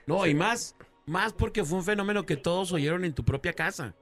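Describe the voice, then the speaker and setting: A man's voice: sits high, fairly quick. Slangy Mexican radio host man. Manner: slangy, animated narration. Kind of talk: casual storytelling. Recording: radio studio with faint music.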